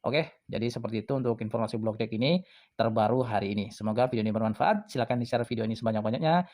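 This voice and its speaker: Fast-talking male crypto host. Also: lowish voice, a little mellow. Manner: chatty, filler-heavy, addresses viewers as friends. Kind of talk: casual screen-walkthrough commentary.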